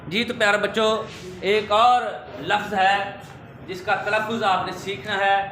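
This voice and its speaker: A man teaches children how to pronounce words. His voice sits high and bright, and he stretches each word slowly before quizzing them with rising questions. The sound is roomy and echoey, with a faint hum behind it. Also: little pitch movement. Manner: slow, drawn-out repetition of words. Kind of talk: pronunciation lesson for children. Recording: echoey room with faint ambience.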